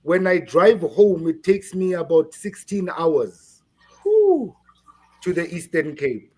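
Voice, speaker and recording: A man from South Africa being interviewed on a podcast, speaking haltingly and repeating words while he searches for them. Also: fairly high pitch, big pitch swings, mellow. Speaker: guest.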